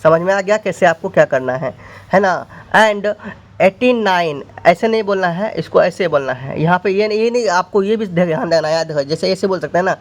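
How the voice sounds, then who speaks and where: A man's voice: high-pitched, fairly quick. A man teaching a maths lesson step by step, repeating points and addressing students as brother. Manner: repetitive, explains step by step.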